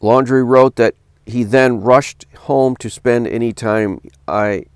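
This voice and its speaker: A man's voice: slow pace, smooth, no room sound, clean studio sound. A middle-aged man, a pastor, reading a news article aloud and stopping to question it in an earnest voice, at a desk in a home office. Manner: earnest, questioning, reads quotes in a lower flat tone. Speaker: pastor commentator.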